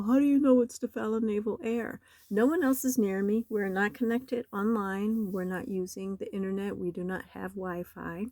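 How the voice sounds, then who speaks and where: A hoarse woman with a slight cold, talking in a rambling, aggrieved and urgent way in a home vlog. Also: medium pitch, no room sound. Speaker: nonprofit website owner. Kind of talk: screen-recorded vlog. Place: home in the desert.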